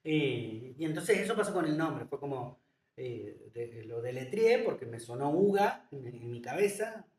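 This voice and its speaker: A man's voice: medium pitch, very animated, unhurried, darkish tone. A man, a guest in a casual interview, who talks hesitantly with many fillers and restarts. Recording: echoey room, distant mic.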